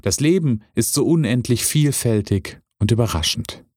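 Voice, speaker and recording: A man voicing a calm, wise old farmer who speaks in a measured, unhurried way. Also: medium pitch, no echo, clean studio sound, lightly acted. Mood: patiently firm.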